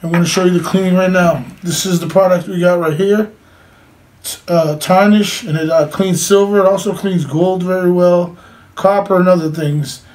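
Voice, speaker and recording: A middle-aged man demonstrates something hands-on while chatting plainly to camera in a small room with a cloth backdrop. His high, darkish voice holds a fairly even intonation at a moderate pace. His manner is informal, and the home recording carries obvious noise.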